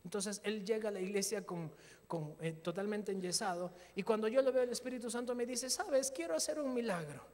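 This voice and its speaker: Male pastor, higher voice, animated storytelling sermon, echoey church hall. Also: fairly quick. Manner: animated storytelling, acting out dialogue.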